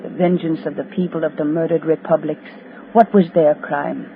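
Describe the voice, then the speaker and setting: Wartime radio drama: avenging prisoner taunting her executioners in slow chant-like phrases, faint hiss, narrow old broadcast band. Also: low voice, steady tone. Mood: solemn, menacing. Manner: solemn, incantatory, taunting, dramatic pauses. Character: defiant condemned woman, unkillable avenging accuser of Nazis. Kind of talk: 1940s radio drama monologue. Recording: thin, scratchy 1940s radio broadcast.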